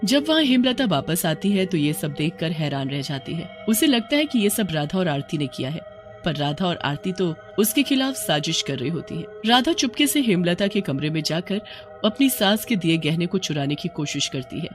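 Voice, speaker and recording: A storyteller reading a cartoon story in an even, scripted way. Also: medium pitch, moderate pace, faint music behind.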